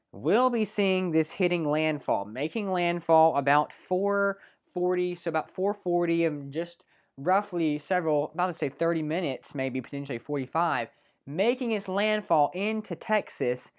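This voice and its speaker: A woman presenting a live weather segment in a small local TV studio, talking off the cuff with many fillers and self-corrections. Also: on the low side.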